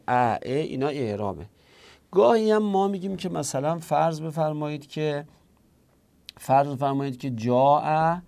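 A man with a gravelly, creaky voice teaches grammar in an explanatory lesson. He moves through each point step by step. He poses questions and answers them himself, the way a patient teacher does. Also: a little high, darkish tone. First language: Persian.

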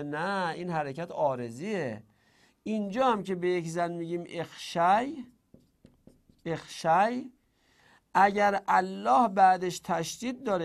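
Male grammar teacher, slightly raised pitch, patient explanatory lecture with slow repeated examples. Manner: explanatory, repeats forms slowly and asks rhetorical questions. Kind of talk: classroom lecture.

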